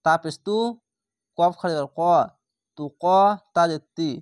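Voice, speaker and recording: A man with a fairly high voice teaches reading aloud, spelling out syllables one by one before chanting each word slowly and stretching the vowels. The sound is close and dry, with no room echo. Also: flat delivery, smooth. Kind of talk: slow spelled-out recitation lesson.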